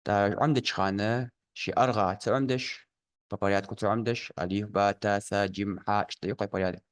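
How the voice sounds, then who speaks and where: A man teaching the Quran, naming Arabic letters and vowel marks slowly and deliberately and repeating each sound. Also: lowish voice, fairly even intonation. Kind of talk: recorded lesson on Arabic letters.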